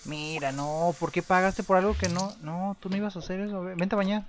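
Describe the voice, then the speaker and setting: A young man talks through his life-sim game in a loose, rambling way. He muses half to himself and to his viewers, then breaks into quick excited shouts now and then. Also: high-pitched. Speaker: gameplay streamer. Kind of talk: casual life-sim commentary.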